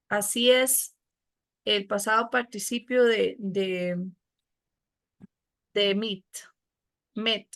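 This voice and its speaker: A woman's voice: a little high, fairly bright tone. A woman teacher with a Costa Rican Spanish accent, explaining a lesson patiently to her students. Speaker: English teacher.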